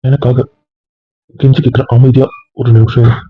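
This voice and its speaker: ஒரு ஆண் நடிகர், அவளைப் பார்க்க வேண்டும் என்று திரும்பத் திரும்பக் கெஞ்சும் பதற்றமான இளைஞனாக நடிக்கிறார். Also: male voice, mid-range voice, completely flat delivery, moderate pace. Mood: begging. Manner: pleading, repeats please. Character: anxious young man begging to see her. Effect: heard over a video call. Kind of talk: web serial acting. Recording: tinny phone-like lo-fi sound.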